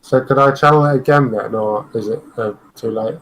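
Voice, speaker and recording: Mid-pitched man playing a tabletop game. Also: fairly quick, a bit bright, low-quality recording. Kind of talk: casual chat.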